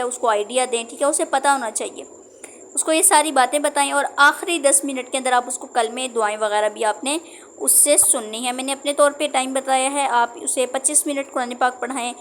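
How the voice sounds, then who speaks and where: A woman's voice: high voice, a little hiss or hum. A woman with a sore throat giving a lesson to Quran tutors, explaining steadily and checking in often. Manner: steady explaining tone with frequent "theek hai" check-ins. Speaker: Quran teacher training tutors. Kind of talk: instructional talk.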